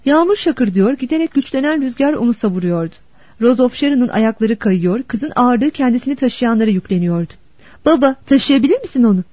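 A woman narrating a novel as an audiobook in a steady, expressive storytelling manner. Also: fairly high pitch, fairly quick, no echo. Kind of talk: scripted narration. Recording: dull dry lo-fi recording.

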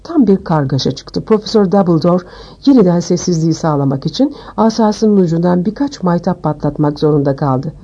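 A woman reading an audiobook aloud with expressive storytelling. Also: lowish voice, a little fast, slightly rough, highs cut off. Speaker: audiobook narrator. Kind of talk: scripted audiobook narration.

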